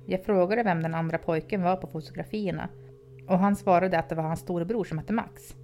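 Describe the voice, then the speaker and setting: A woman narrates a scary story for a podcast, calm and measured. Her voice sits low with a dark, mellow tone, and faint music plays under her.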